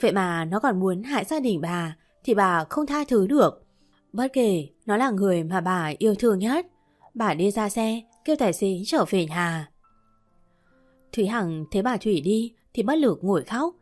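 A woman reading a first-person romance novel aloud in an even, steady storytelling manner. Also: mid-range voice, moderate pace. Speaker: narrator. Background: soft background music.

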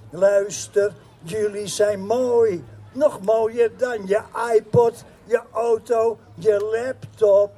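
A man's voice: very high-pitched, mellow. A man performing a spoken-word poem in a rhythmic way, returning again and again to a repeated refrain. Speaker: poet. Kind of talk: performance poetry recitation.

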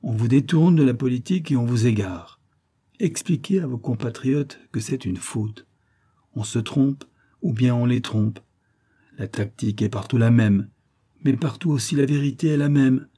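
A man's voice: mid-range voice, moderate pace, warm tone, natural voice. A man reading the part of an old craftsman making an impassioned political speech in an audiobook. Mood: fervent.

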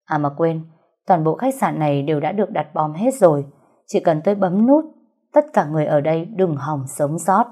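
A woman reading an audiobook, voicing a ruthless young male gangster who speaks flatly and without care. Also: low-pitched, moderate pace, husky. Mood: cold. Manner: flat, even, unbothered delivery.

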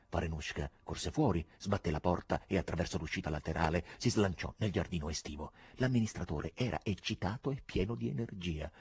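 A man reading a novel aloud as an audiobook narrator, in an expressive, theatrical manner. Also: fairly low pitch, breathy edge, no room sound. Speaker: audiobook reader. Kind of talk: scripted literary narration.

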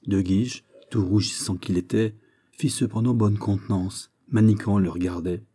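Brief: male audiobook narrator, measured literary read, very dark and mellow tone, husky edge. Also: on the low side, fairly even intonation. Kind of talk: scripted narration of a classic novel.

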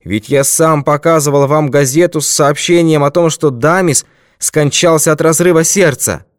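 A man reading an audiobook, voicing a hoarse, blustering male villain who raises his voice in indignation. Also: fairly low pitch, a little slow, no room sound, clean studio sound, pitched above the performer's own voice, natural voice.

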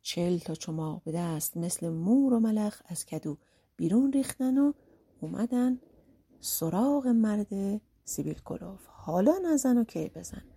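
A woman with a medium-pitched voice narrates a folk tale audiobook, giving it lively, dramatic emphasis. Her tone is warm and mellow, edged with huskiness and a slight breathiness.

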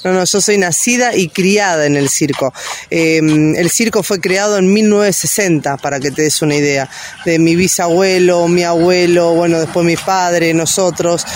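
A woman's voice: on the low side, moderate pace, a little hiss or hum. An Argentine woman talking casually in an interview, rambling with many fillers and restarts. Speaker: interviewee, circus worker.

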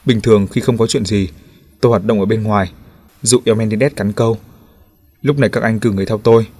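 A man voicing a cunning journalist who speaks weakly and hoarsely, pleading and ingratiating. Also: on the low side, steady tone, brisk, darkish tone, close to an everyday voice. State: hoarse and weak. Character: sly, weakened male journalist, scheming.

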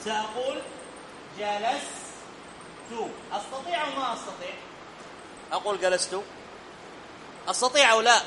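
A man's voice: high voice, lively intonation, moderate pace, pauses often, background noise. A man teaching a live classroom grammar lesson, often stopping to question students and check that they follow. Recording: long reverb in a hall.

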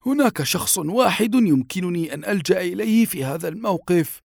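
A man's voice: sits high, animated, fast, gravelly, darkish tone, no room sound, studio quality, pitched above the performer's own voice, exaggerated voice. A man voicing a worried, stern old grandfather in an audiobook, speaking firmly. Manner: firm, anxious pleading.

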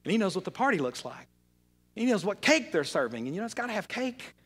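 Pastor, man, high voice, conversational sermon with funny stories. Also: very animated, quick pace, fairly bright tone, breathy edge. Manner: conversational, storytelling with humor.

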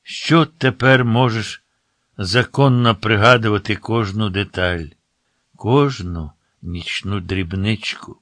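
A man with a fairly low voice reads a literary story aloud in a dry, close sound. His delivery is measured and unhurried, and his phrase endings sink into softness. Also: no room sound. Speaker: audiobook reader. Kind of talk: literary audiobook narration.

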